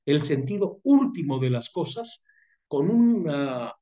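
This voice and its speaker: An older man with a Mexican Spanish accent leads a university seminar, his voice on the high side, sing-song and dark, with dull audio. He speaks thoughtfully and digressively, pausing and restarting phrases, and coughs from a cold.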